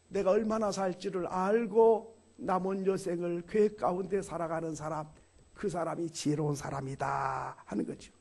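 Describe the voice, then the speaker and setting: A male pastor delivers a sermon with a high, gravelly voice. He drops to near whispers and then surges to loud emphasis to drive his points home. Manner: dramatic swings between soft and loud.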